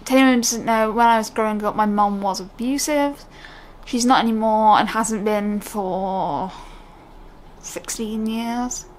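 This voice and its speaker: Talking unscripted to the camera, a young British woman with a higher-pitched voice rambles candidly, frequently interrupting herself. She speaks a touch slowly, in a casual vlogging style.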